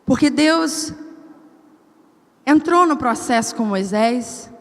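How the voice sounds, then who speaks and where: A woman with a high voice preaches to a women's gathering, telling stories from her own life and acting out each voice in them. Her words ring through a church hall with a long, trailing reverb. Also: slow. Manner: animated storytelling, acts out quoted dialogue. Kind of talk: sermon with personal stories.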